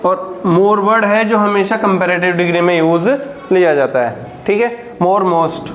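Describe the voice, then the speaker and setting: Male tutor, fairly high voice, spells out examples slowly and quizzes the class himself. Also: fairly bright tone. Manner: slow, drawn-out dictation of examples, asking and answering his own questions. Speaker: teacher. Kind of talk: grammar lesson.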